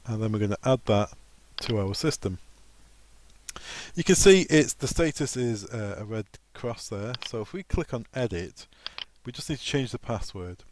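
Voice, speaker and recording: A man with a mid-range voice gives an informal software walkthrough tutorial, explaining each step plainly like a trainer. He sounds animated and speaks at a normal speed.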